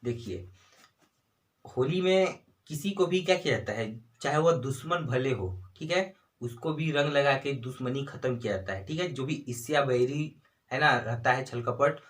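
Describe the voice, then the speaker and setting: A man's voice: medium pitch, moderate pace, a bit bright. A man with a Chhattisgarhi Hindi accent teaching an exam-prep lesson, asking himself questions and answering them, with frequent "ठीक है" and "है ना" tags. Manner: repeats "ठीक है" and "है ना", asks and answers own questions. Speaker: exam tutor.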